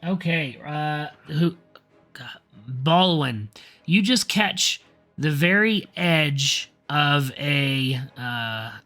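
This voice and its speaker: A man's voice: fairly high pitch, expressive, very slow, sharp tone, faint music behind. A man narrating as dungeon master, describing scenes and reading rules aloud. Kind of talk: narrating a tabletop game.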